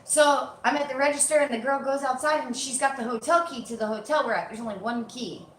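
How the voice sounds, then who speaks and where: A young adult woman from Florida telling a story in casual chat, animated, cursing freely and acting out the voices of the people in it. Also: high voice, fast talker, slight background noise. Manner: animated, swears freely, acts out quoted voices. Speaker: co-host. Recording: roomy echo.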